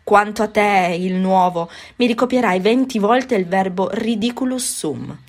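A woman reading aloud and putting on the voice of a quick-tempered, sarcastic male schoolteacher who barks loud commands at his class. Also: medium pitch, expressive. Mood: scolding. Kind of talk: audiobook character voice.

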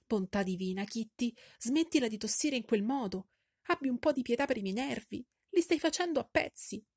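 A fussy, excitable middle-aged mother who frets and gushes, her voice pitched up high and shrill, as a woman reader puts her on. The tone stays dark and a little husky underneath. It is recorded dry and close, like a studio audiobook. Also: normal speed, no room sound. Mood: fretful. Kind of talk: audiobook character voice.

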